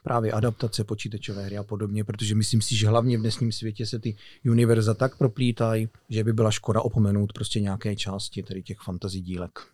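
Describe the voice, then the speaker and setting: A man co-hosts a casual podcast chat, relaxed and conversational. His voice sits a little low. The sound is close and dry. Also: hardly any pauses, no echo. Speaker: podcast co-host.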